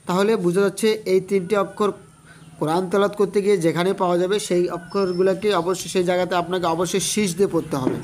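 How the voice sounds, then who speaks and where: Man, Quran reading teacher, online lesson, slow repeated spelling, encouraging tone. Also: high voice, a little hiss or hum. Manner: slow, repetitive spelling-out of letters; addresses students directly, encouraging.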